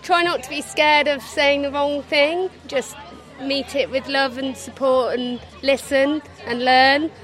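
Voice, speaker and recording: Even-toned woman giving reflective answers. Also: sits high, unhurried, soft background music, a faint crowd. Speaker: parent being interviewed. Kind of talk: reflective interview talk.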